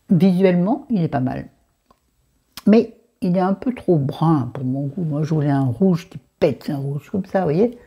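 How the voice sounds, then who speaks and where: Husky low-voiced French woman vlogging. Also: mellow. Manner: talks to herself, self-scolding asides; drops to whispered asides. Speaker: beauty vlogger. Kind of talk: chatty makeup haul vlog.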